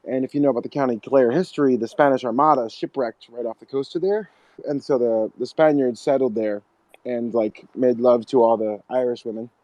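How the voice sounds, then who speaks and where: A man's voice: mid-range voice, a little fast, a little mellow, dry recording, muffled recording. A man hosting a casual chat, who tells rambling jokey stories and laughs often. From United States. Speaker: host. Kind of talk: casual chat on a live audio room.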